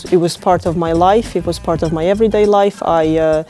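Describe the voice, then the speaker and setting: A Ukrainian woman whose first language is Ukrainian is interviewed about her open-water swimming, reflecting unhurriedly with many fillers and restarts. Her low, mellow voice keeps a fairly even intonation, with faint music behind it.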